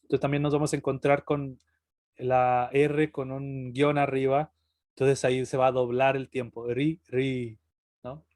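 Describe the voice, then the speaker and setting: Man, workshop teacher, halting relaxed delivery, mid pitch, close dry sound. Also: no echo. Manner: relaxed, halting, many fillers and restarts. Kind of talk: online workshop lesson.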